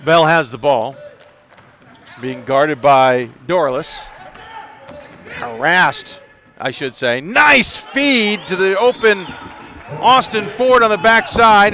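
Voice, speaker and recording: A man calling live basketball play-by-play from an arena broadcast position, chatty and quick to laugh between plays. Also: a little high, sharp tone. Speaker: play-by-play commentator.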